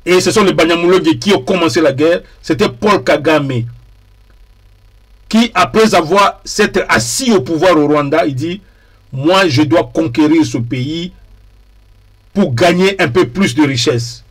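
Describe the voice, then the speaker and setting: A man speaking in a deliberate, emphatic way and repeating key phrases for weight, as a TV political commentator. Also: fairly high pitch. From DR Congo.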